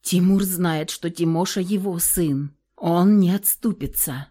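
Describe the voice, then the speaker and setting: A woman's voice: lowish voice, measured pace, warm tone. A woman voicing a frightened young wife in an audiobook, speaking in a trembling, pleading way. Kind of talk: audiobook character reading.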